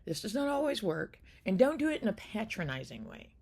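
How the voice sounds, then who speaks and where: A woman's voice: mid-range voice, sing-song, fairly quick, gravelly, darkish tone, breathy edge. A woman hosting a caregiving channel, talking casually to the camera in a loose, rambling way with many fillers and restarts.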